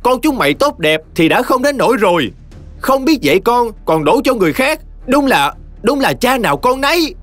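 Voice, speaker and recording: A man's voice: very high voice, very animated, moderate pace, fairly bright tone, soft background music, pitched above the performer's own voice, heavily acted. A man voicing a spiteful middle-aged mother-in-law who screeches insults in a storybook reading. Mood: screeching abuse.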